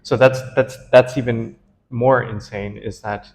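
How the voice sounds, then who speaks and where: An American dream analyst interviews a client casually, sounding earnest and enthusiastic and laughing easily. His mid-range voice has a darkish tone, fairly even intonation, and a slightly slow pace, with slight background noise behind it.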